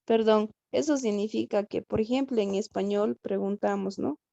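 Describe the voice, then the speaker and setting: Gravelly-voiced woman student, dull call audio. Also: mid-range voice, normal speed, dark tone, no room sound. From Peru. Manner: hesitant, circles back with "¿no?". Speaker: student asking a question. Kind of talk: classroom question.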